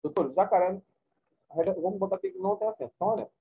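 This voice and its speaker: A male teacher talks fast through a classroom lecture in a somewhat high, husky voice, repeating his points and checking in with the class. The audio sounds thin, like a phone recording.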